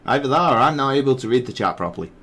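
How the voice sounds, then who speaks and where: A man's voice: mid-range voice, animated, a bit bright, breathy edge. A young British man hosting a podcast in casual chat, reading from the live chat and often restarting his sentences. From Britain. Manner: rambling, reads slowly with restarts. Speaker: podcast host.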